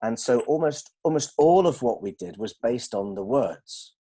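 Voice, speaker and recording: A middle-aged man talking as a communication trainer, steady and explanatory. His voice sits at an ordinary middle pitch, and he keeps a teaching manner as he talks. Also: moderate pace, breathy edge. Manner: steady, explanatory, demonstrates tones of voice. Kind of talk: explanatory discussion.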